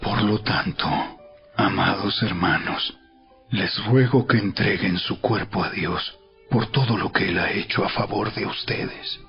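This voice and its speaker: Solemn gravelly man narrating scripture. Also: fairly low pitch. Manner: solemn, emphatic oratory with deliberate dramatic pauses. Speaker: Bible narrator. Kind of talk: dramatized scripture narration, preaching a letter aloud. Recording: dull recording with music behind. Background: background music.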